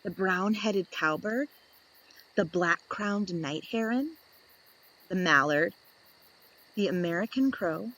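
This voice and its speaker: Reading aloud for little kids, a woman uses a medium pitch and a lively storytelling manner. Her pace is deliberate, punctuated by dramatic pauses, and the recording quality is rough.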